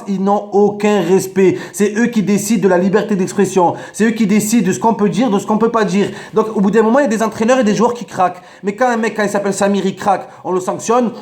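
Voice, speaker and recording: A young man talking straight to his viewers in a mocking, animated rant, full of running jokes and repeated lines. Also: sits high. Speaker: vlogger. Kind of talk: rant to camera.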